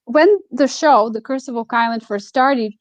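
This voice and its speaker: A native Slovak woman with a Slovak accent touched by Nova Scotian, talking casually and reflectively as an interview guest, often pausing to find her words. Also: a little high, no echo. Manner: reflective, halting, searching for words. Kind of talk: casual conversational storytelling.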